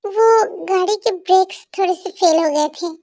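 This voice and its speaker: A playful young woman from an amateur audio drama who coaxes and teases her family, voiced by a woman. Her voice sits very high and the recording is dry and close. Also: normal speed, mellow, no echo. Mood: coaxing. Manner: teasing, coaxing.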